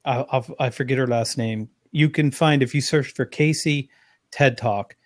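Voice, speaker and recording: A man, a guest on an interview, telling an animated anecdote in long run-on phrases. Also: mid-range voice, normal speed, no echo, clean studio sound. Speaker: interview guest, sales speaker. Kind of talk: conversational storytelling.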